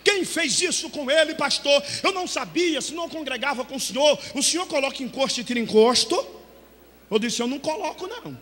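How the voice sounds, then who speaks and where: Male pastor, very high and bright, dramatic shouted Pentecostal sermon full of acted-out dialogue, long church reverb. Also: animated, brisk. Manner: shouting, dramatic, acts out dialogue, speaks in tongues. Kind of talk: Pentecostal preaching with storytelling. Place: church hall.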